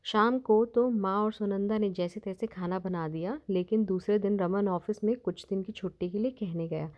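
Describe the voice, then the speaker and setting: A woman narrating a scripted moral family story in an even, steady reading voice. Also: medium pitch, normal speed. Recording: dull lo-fi recording.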